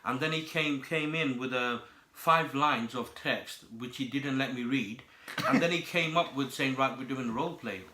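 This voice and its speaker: Bright, jokey male co-host. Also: mid-range voice, unhurried. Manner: lively, jokey, reads out comments. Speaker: chat show co-host. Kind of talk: casual chat. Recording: echoey room.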